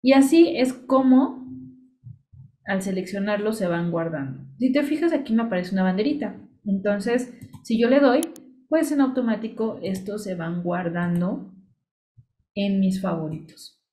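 A woman's voice: medium pitch, unhurried, dark tone. A woman giving a screen-share tutorial on social media tools, chatty and explanatory, walking through each click step by step. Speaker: social media business coach.

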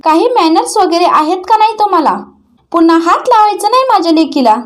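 A woman's voice: very high-pitched, lively intonation, fairly quick. A woman reading the lines of an elderly father who is hurt and indignant. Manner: pleading and indignant. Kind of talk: dramatic recap reading.

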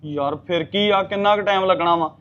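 A man's voice: sits high, brisk, a bit bright, lo-fi sound. A man playing an impatient young husband.

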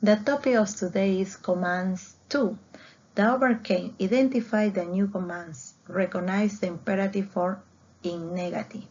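A woman teacher giving a bilingual English lesson, spelling out words and repeating them slowly. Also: medium pitch, steady tone, a little mellow. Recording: dull lo-fi recording.

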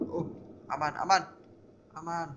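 A young man talks through a horror game in a jumpy, tense way, often calling out to his viewers. His voice sits a little high for a man. Clear noise runs behind him. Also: fairly even intonation, measured pace, fairly bright tone. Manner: jumpy, tense, keeps addressing viewers as guys. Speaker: gameplay streamer. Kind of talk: casual horror game commentary.

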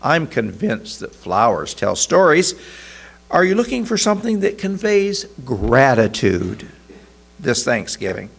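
A man voicing a kind, wise woman who runs a flower shop, speaking softly and patiently. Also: rumbling low, sing-song, a little slow, vocal fry, breathy edge, exaggerated voice. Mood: friendly. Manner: soft, patient, consoling.

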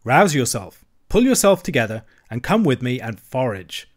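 A man's voice: on the high side, sing-song, darkish tone. Man voicing a cheery bustling water rat. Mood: reproachful. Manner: brisk, hearty, encouraging.

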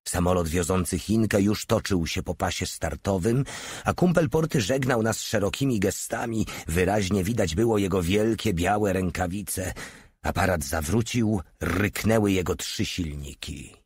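A man reading a war novel aloud as an audiobook narrator, steady and dramatic, lifting his voice for the characters' lines. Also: sits low, normal speed, slightly rough, no room sound, studio quality.

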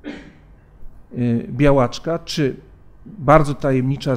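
A man in his forties giving an academic conference lecture at a lectern, measured and hesitant, with frequent fillers and restarts. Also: a little high, darkish tone. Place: large conference hall, at a lectern. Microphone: lectern microphone.

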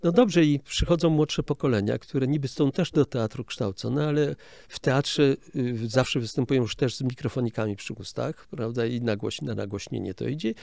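A man's voice: mid-range voice, moderate pace, creaky, darkish tone, no room sound. An older man, a film sound director, explaining his craft in an interview in a hesitant, explanatory way with frequent restarts. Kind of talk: casual interview talk.

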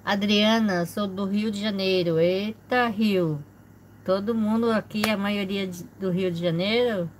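A Brazilian woman in her forties, with a medium-pitched, steady voice, hosts a casual livestream from a room at home with a fish tank. Speaking slowly and chattily, she reads viewer comments and greets each viewer by name with frequent small laughs. The low-quality recording has slight background noise.

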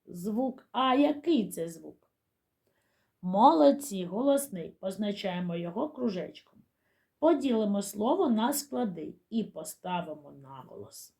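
A woman teacher giving a slow, clear literacy lesson to young children, sounding out syllables and praising them. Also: medium pitch, lively intonation, dark tone.

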